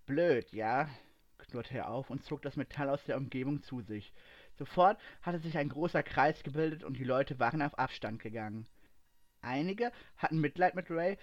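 A man narrating a story aloud at a steady, even pace, his voice sitting a bit higher than most men's. The recording is dry with no room sound. It is also a little dull and lo-fi. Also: no room sound.

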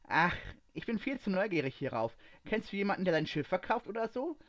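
A man voicing an excitable, curious young woman who talks eagerly and almost pleads, in a storybook reading. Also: high voice, fairly quick, muffled recording, voice pushed up.

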